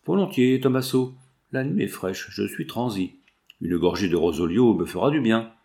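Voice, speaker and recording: A man's voice: lowish voice, animated, normal speed, gravelly, warm tone. A man voicing a coarse, mocking male brigand sentry in an audiobook. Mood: wheedling. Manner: mocking, crude cackle.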